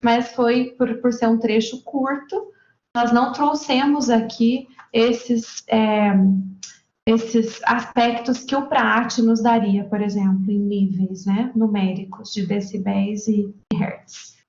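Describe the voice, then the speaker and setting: A woman giving an academic lecture over a video call, speaking in a measured and technical way. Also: on the high side, fairly even intonation, a little mellow. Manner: measured, technical, adds points to a colleague's talk. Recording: echoey, muffled online call audio.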